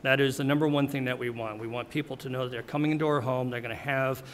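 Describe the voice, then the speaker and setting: A middle-aged man speaking as a home builder on a policy panel, plainspoken and earnest, often clearing his throat, into a table mic in a wood-paneled hearing room. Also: medium pitch, steady tone, fast, fairly bright tone, a little hiss or hum. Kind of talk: panel presentation. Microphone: table mic on stand.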